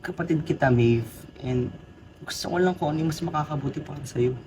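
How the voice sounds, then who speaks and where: A man's voice: on the high side, brisk, noisy background, natural voice. A young man playing a protective older brother and grieving lover in a short drama film, speaking earnestly and with strong emotion. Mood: tender. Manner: earnest, emotional, polite to elders. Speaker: lead actor in a short film. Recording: music score behind the voice.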